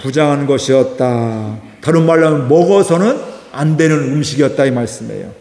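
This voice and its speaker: A man's voice: medium pitch, expressive, a little fast, warm tone. A male pastor preaching a Sunday sermon, often asking the congregation questions and acting out the lines of the people in his story. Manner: asks the congregation rhetorical questions and acts out quoted lines. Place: church sanctuary. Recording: echoey, reverberant church hall.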